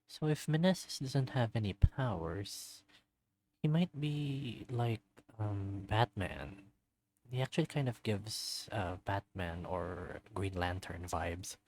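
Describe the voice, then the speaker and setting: A man's voice: fairly low pitch, darkish tone, rough recording. A man hosting a let's-play, reading a visual novel aloud and chatting casually about what he reads. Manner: chatty and easygoing, reading profile cards aloud with asides. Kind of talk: casual visual novel read-through with commentary.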